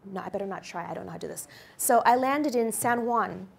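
A woman in her forties from the United States, a company executive giving a guest lecture to a university class. She speaks into a handheld microphone on a lecture hall stage and tells personal stories in a lively, upbeat way. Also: mid-range voice, fast, creaky.

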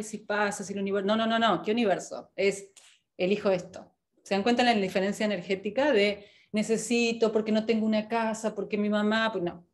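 Animated woman coaching a workshop. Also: medium pitch. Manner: animated, asks many rhetorical questions, laughs often. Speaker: workshop facilitator.

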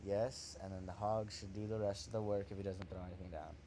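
Young male gamer, lowish voice, cocky trash-talk play-by-play, faint hum under the mic. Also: fairly quick. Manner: trash-talking, excitable, swears at opponent. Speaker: gaming channel host. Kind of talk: live gameplay commentary.

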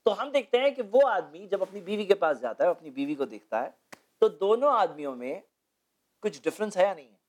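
A man's voice: high voice, very animated, a little fast. Male guest speaker, studio interview, lecturing and explanatory, fond of rhetorical questions. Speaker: guest speaker on Islamic topics.

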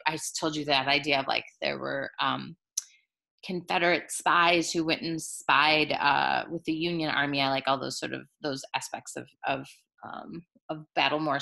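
A woman teacher talks casually through a recorded video lesson, rambling a bit with fillers and restarts. Her voice is low, creaky and sharp-toned, picked up by a handheld recorder that gets jostled.

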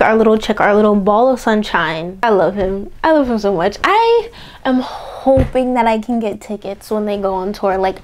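A young woman hosting a reaction video, chatting casually and excitedly, full of slang and fillers as she reacts. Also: a little high. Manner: excitable, gushing, peppered with "yo" and "like".

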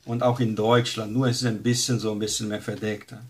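A man teaching a Bible lesson in a loose, conversational way, often tagging his sentences with quick questions. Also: on the low side, level tone. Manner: conversational, frequent tag questions.

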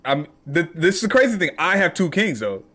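A man's voice: on the high side, very animated, a little fast, a bit bright. A young man in casual gaming banter with friends, talking like a slangy, profane frat bro. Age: young adult. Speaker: game streamer. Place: indoor home gaming room.

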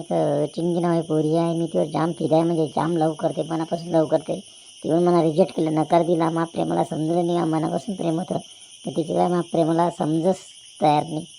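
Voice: medium pitch, gravelly, warm tone, slight background noise, close to an everyday voice. A voice actor playing a lovesick schoolboy who pleads and pities himself in a cartoon. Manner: pleading, self-pitying. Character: lovesick schoolboy, moping and stubborn. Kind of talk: cartoon voice acting.

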